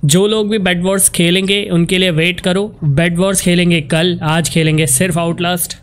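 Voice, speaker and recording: A man streaming a horror game live, greeting viewers by name and reacting with lively chatter that mixes in English phrases. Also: high-pitched, normal speed, smooth. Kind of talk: live gameplay commentary.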